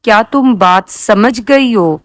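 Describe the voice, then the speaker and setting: A woman reading short example sentences aloud in a lesson, in a flat, even tone. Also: fairly high pitch, no echo. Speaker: prompt reader.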